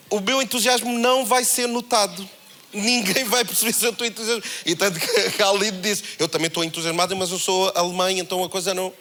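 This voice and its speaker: A man with a European Portuguese accent preaching a sermon, in a conversational, animated way that acts out the voices he quotes. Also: high-pitched, a little fast, a little hiss or hum. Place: church held in a cinema.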